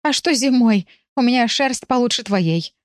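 A woman voicing a mischievous young male raccoon who wails in a high, drawn-out voice. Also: expressive, no room sound, clean studio sound, natural voice. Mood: petulant.

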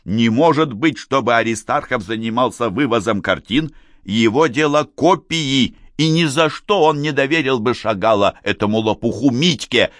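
A man voicing a sly, teasing male artist friend who gets loud when excited. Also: mid-range voice, normal speed, dry recording, studio quality, pitched above the performer's own voice, natural voice. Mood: yelling.

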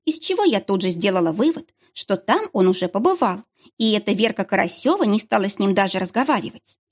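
Female narrator, husky voice, lively up-and-down reading of an audiobook. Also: mid-range voice, fairly quick. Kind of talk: first-person storybook narration.

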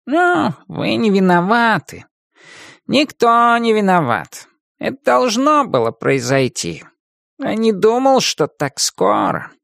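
A woman voicing a world-weary, ironic male cat in an audiobook, talking slowly and dryly. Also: mid-range voice, very animated, creaky, a bit bright, no room sound, clean studio sound, pitched above the performer's own voice, full character voice. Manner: slow, drawling and dryly ironic.

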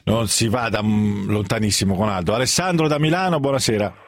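A man's voice: fairly low pitch, fairly quick. A man hosting a radio phone-in in a conversational style, questioning and interjecting.

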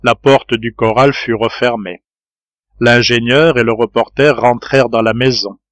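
A man narrating an audiobook of a classic adventure novel in a measured, even reading. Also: mid-range voice, no echo. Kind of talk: scripted narration.

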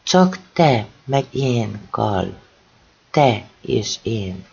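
A man's voice: medium pitch, lively intonation, gravelly, a little mellow, husky, muffled recording, pitched below the performer's own voice, full character voice. A man voicing the whispering ghost of a boy, repeating himself eerily. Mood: eerie whisper. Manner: whispered, repetitive.

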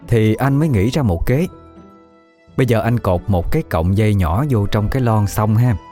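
A man's voice: lowish voice, dark tone. A man telling a ghost story in the first person, in a folksy, colloquial way.

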